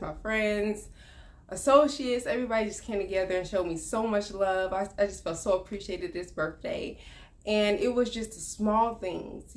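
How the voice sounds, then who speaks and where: A woman in her thirties talking earnestly about her life in a personal vlog, reflective and loose, with many fillers. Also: medium pitch. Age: 30s. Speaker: vlogger.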